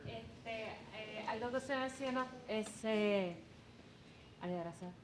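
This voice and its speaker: A woman in the audience asking a hesitant question, full of fillers. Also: slow. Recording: faint background rumble.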